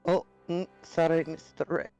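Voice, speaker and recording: A man's voice: fairly high pitch, flat delivery, normal speed, a little mellow, clean tone, dull audio, soft background music, lightly acted. A man playing a courteous, self-deprecating townsperson who speaks formally and a little hesitantly in a role-play game. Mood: good-humored. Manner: formal address, hesitant murmured agreement. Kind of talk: improvised in-character role-play chat.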